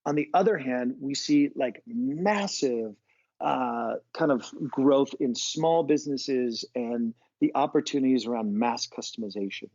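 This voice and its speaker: With a mid-range, darkish voice and an unhurried pace, an American business school professor mulls over ideas in a casual podcast interview. He is thoughtful, restarting often and using many fillers, and the recording is dry and lo-fi.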